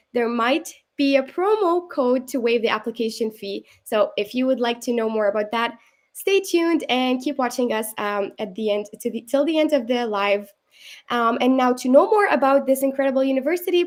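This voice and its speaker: A young woman from Syria hosting a live online talk, upbeat and welcoming, often pausing with "um" and "uh". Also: high-pitched, a little mellow. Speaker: livestream host. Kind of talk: live-stream presenting.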